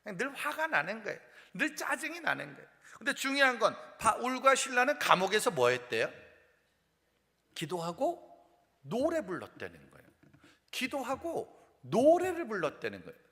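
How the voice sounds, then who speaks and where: A man preaching a humorous revival sermon as a pastor, playful and animated, acting out the complaints of the people he talks about. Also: very high voice, moderate pace. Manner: playful, animated, acts out quoted complaints and sings snippets. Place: church sanctuary. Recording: long hall reverb.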